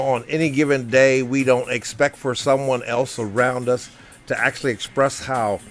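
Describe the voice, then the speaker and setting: American guy rambling on, lots of "you know", mid pitch, soft music behind. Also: gravelly. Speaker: vlogger. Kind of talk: casual spoken commentary. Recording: faint background music under voice. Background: faint background music.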